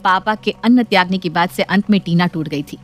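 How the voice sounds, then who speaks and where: A woman's voice: lowish voice, brisk, faint music behind. Woman narrating a bedtime story.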